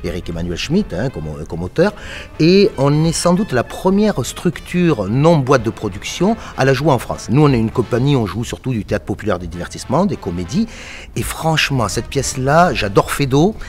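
Seated in an empty auditorium, a forties-aged male artistic director of a theatre company gives an interview with enthusiasm and emphasis. He talks at a moderate pace in a medium, a little mellow voice full of big pitch swings, and faint music plays behind.

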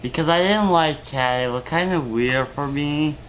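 A man's voice: fairly high pitch, normal speed, fairly bright tone, a little hiss or hum, low-quality recording. A young man chatting casually as a contestant in an amateur game show at home. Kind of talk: casual chat. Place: cluttered home games room, indoors.

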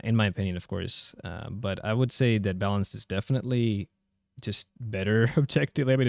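Male gaming tech host, informal and chatty, gravelly edge, very dry close-miked sound. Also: on the low side, darkish tone, no room sound. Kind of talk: casual gameplay commentary and tutorial.

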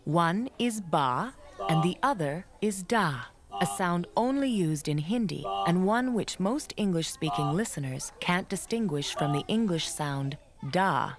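A woman reading scripted documentary narration in a measured, explanatory way. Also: on the low side, lively intonation, music in the background.

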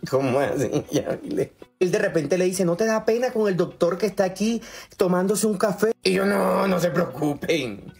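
A man's voice: high-pitched, lively intonation, unhurried, creaky, darkish tone, breathy edge, faint music behind. A man, a doctor, telling a funny gossip story to camera, laughing often and acting out voices.

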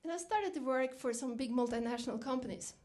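A woman's voice: high-pitched, quick pace, darkish tone. A middle-aged woman from Norway, giving a reflective storytelling dinner keynote, lifting her voice when she quotes herself. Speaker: keynote speaker.

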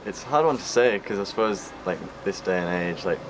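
A man's voice: lowish voice, lively intonation, a little fast, noisy background. A young man giving a rambling answer full of fillers in a street interview. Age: young adult. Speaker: passer-by interviewee. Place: outdoors by a building.

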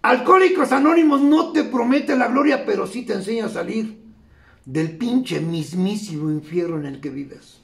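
A man's voice: high-pitched, lively intonation, normal speed, vocal fry, roomy sound. A man with a Mexican accent giving a raw, profane, storytelling testimony at a recovery meeting. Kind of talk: emotional testimony.

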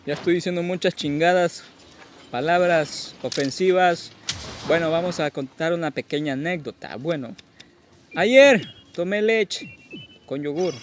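A man's voice: a little high, steady tone, moderate pace, a little hiss or hum. A tipsy man gives casual gameplay commentary as a host, rambling, repeating himself and joking crudely. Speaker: gaming video host.

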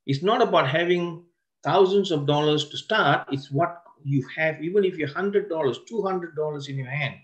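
A man presenting a wealth seminar as a lecture. He slows down to stress key words and often breaks off and restarts his sentences. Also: on the high side, muffled recording.

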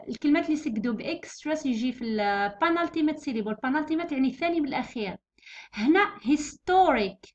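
A young woman with an Algerian accent teaching an exam revision lesson, explaining patiently and repeating words slowly and clearly. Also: high voice. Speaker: English teacher. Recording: dull lo-fi recording.

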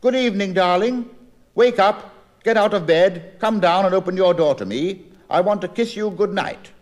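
A man's voice: mid-range voice, normal speed, natural voice. Man putting on a bellowing young farmer. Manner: loud, bellowing, then pleading. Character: rowdy young male farmer yelling up to a window.

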